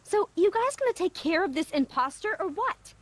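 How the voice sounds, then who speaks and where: A woman voicing a dry, commanding amateur hypnotist in a video game, deliberate and sardonic. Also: very high voice, sing-song, no echo.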